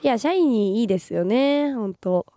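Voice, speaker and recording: A young woman from Gifu, hoarse from a cold, with a Nagoya-tinged accent, co-hosting a radio show, reading listener messages and giggling politely. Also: on the high side, animated, brisk, dark tone, no room sound, studio quality, soft background music. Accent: Nagoya-tinged Japanese. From Gifu, Japan. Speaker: radio co-host. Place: radio studio.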